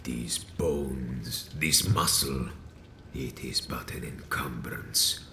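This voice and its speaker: Very deep, echoey wounded vampire elder. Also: male voice, a bit bright, heavily acted. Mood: sinister, hushed. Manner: slow, grave, theatrical, archaic formal phrasing. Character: wounded, aged male vampire sect leader, grandiose, bitter. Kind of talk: dramatic video game voice acting. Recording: echoey room with faint noise.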